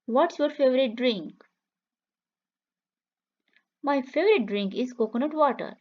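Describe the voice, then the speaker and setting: A woman reading English practice questions and answers slowly for learners, saying each line twice in a clear, measured way. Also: high-pitched, expressive, highs cut off. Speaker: English teacher. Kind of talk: slow repeated phrase reading for learners.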